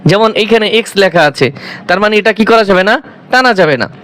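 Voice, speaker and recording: High-voiced male Quran teacher. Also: brisk, fairly bright tone. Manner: patient, repeats each letter aloud several times; asks the class questions and answers them himself. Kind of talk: step-by-step recitation lesson.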